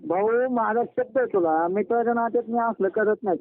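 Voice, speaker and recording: Over a narrow, tinny phone line, a young man with a high, brisk voice chats with a friend. He's blunt and insistent, repeating himself as he talks.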